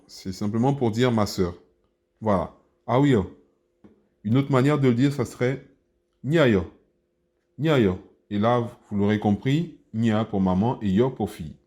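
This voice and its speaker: A man's voice: mid-range voice, dark tone. A man teaching a language lesson, patiently repeating and breaking down words for learners.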